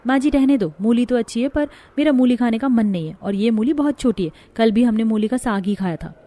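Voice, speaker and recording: A woman voicing a patient young daughter-in-law in a cartoon, speaking softly and pleadingly. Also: a little high, lively intonation, fairly quick. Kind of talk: cartoon voice acting.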